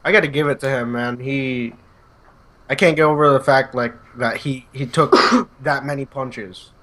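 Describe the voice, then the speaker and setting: A man making quick playful remarks and wordplay while chatting about a TV episode. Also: medium pitch, steady tone, fairly bright tone. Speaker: podcast co-host. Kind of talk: casual TV recap chat.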